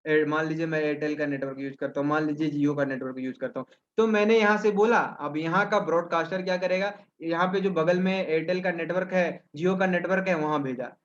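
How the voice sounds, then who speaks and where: A man with a high voice gives a webinar lesson. He keeps posing questions and answering them himself, tagging on check-in questions. The audio comes through a dull, lo-fi video call. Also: fairly quick, hardly any pauses. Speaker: webinar trainer. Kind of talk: explanatory teaching talk.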